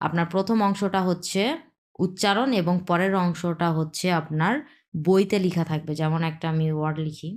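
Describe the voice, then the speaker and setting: A woman teaching a language lesson, repeating each sound slowly to model pronunciation and dropping English words into her explanations. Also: fairly low pitch, fairly even intonation, a little mellow. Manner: mixes English words into Bengali.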